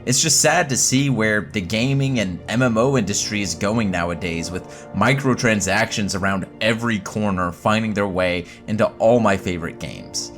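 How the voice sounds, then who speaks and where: A young man giving an opinionated gaming commentary, talking with sarcastic asides and mock excitement. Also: on the low side, normal speed, few pauses, faint music behind. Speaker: gaming YouTuber.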